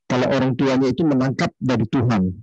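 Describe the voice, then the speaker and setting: A man with a husky voice slowly putting questions to a guest in an online church discussion. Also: mid-range voice, fairly even intonation, a little mellow, no echo, highs cut off. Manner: slow, questioning, with casual asides. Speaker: discussion host.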